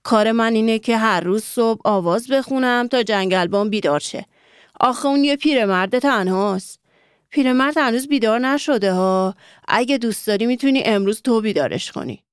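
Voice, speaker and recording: A woman's voice: on the high side, clear, resonant tone, no room sound, studio quality, lightly acted. A woman voicing a friendly, chatty barnyard rooster in a children's story.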